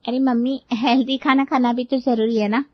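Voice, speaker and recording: A woman's voice: steady tone, normal speed, no echo, close to an everyday voice. A woman voicing a bubbly college-going girl who pleads with her mother in a cartoon story. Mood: pleading. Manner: high and pleading. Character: bubbly teenage college-going sister-in-law. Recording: dull lo-fi dry recording.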